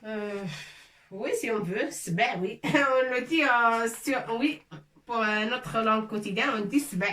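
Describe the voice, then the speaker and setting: A woman's voice: a little high, slow, a bit bright. A woman teaching an Arabic lesson to a class in French, patiently repeating sounds and mixing in Arabic words. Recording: echoey room, from a distance.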